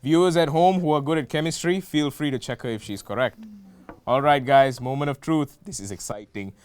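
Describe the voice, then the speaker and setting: A man's voice: fairly high pitch, a little fast, darkish tone, clear, resonant tone. A young man hosting a student game show, playful with jokey asides. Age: young adult.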